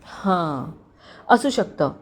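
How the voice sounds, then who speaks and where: A woman's voice: fairly low pitch, expressive, extremely slow, husky, heavily acted. A woman voicing a young heroine who speaks earnestly and emotionally, hurt but sincere.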